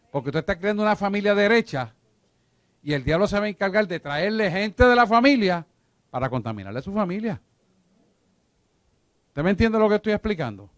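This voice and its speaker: Man, church class teacher, emphatic, repeats his points, somewhat high voice, dry sound. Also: no echo. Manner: emphatic, repeats himself, asks listeners if they follow.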